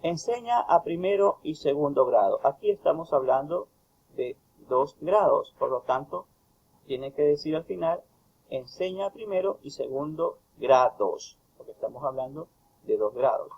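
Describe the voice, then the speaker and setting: A male university tutor giving a recorded grammar lecture, stressing each example phrase slowly. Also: on the high side, animated, vocal fry, husky, dull audio. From Ecuador. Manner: slow, emphatic reading of example phrases.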